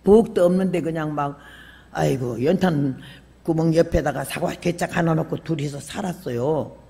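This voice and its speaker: An older woman missionary giving a sermon, telling folksy stories with humor and bursting into loud emphatic calls. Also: deep voice, normal speed, gravelly. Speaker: missionary preacher. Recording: long hall reverb.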